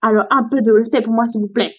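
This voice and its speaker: A woman's voice: a little high, steady tone, fast, husky, dull audio. A woman voicing an ancient, indignant female tortoise in a toy role-play on a livestream. She huffs and demands respect. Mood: outraged, pompous. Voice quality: huffy and pompous, keeps demanding respect.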